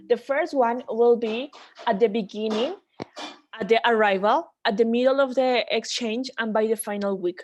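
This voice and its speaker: A woman's voice: a little high, a little mellow. A woman leading an online training call, explaining rules step by step with frequent restarts.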